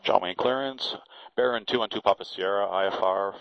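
A man's voice: fairly low pitch, brisk, noisy background. A man speaking as a pilot over the aircraft radio, hesitating with filler sounds between radio calls. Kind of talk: radio phraseology. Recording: dull lo-fi radio transmission.

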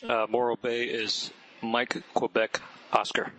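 A man's voice: mid-range voice, completely flat delivery, a little slow, pushed and bright. A man working as an air traffic controller, giving clipped, matter-of-fact procedural instructions over radio. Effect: aviation radio transmission. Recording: noisy radio link with clicks.

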